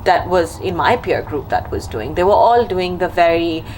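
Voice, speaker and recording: A woman's voice: on the low side, moderate pace, low-quality recording. Woman from Lahore telling her story. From Lahore, Pakistan. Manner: relaxed, candid storytelling with frequent ums. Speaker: guest. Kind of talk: casual interview chat. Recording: faint background noise.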